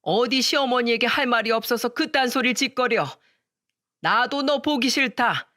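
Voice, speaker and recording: A woman's voice: a little high, moderate pace, pitched above the performer's own voice. A woman reading a story voices a furious older father-in-law who scolds his daughter-in-law. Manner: scolding, shouting orders.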